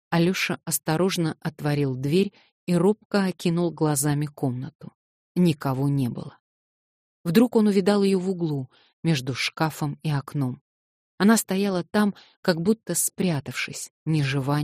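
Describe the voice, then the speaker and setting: A woman narrating a classic novel in a measured, expressive audiobook reading. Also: low voice, no echo, studio quality. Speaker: audiobook reader.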